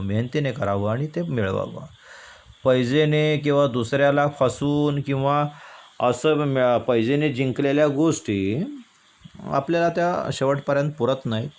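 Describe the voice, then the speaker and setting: Brief: male teacher from India, mid-pitched, walks students through a poem, poses questions then answers them. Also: darkish tone. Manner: explains slowly, asks and answers his own questions; recites verses in a slow chant. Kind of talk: Marathi poetry lesson.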